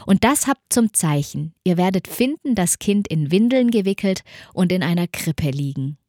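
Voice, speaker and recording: Woman reading scripture, low voice. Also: lively intonation, normal speed, a little mellow, no room sound, clean studio sound. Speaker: scripture reader.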